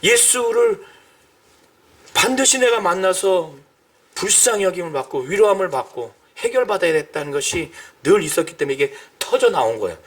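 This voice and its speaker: A man's voice: high-pitched, very animated, moderate pace. A man, a pastor, preaching an emphatic sermon and acting out the people he quotes. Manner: emphatic, rising to shouts at climaxes; acts out quoted cries and speech.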